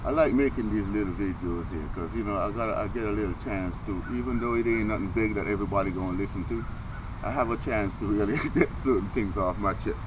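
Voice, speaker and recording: A man's voice: on the low side, fast. Stammering Rasta man preaching over street noise. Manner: Rasta speech, earnest and preaching, with street phrasing; stammers, often repeating words several times. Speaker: vlogger. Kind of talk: casual rambling monologue to camera. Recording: noisy, outdoor traffic ambience.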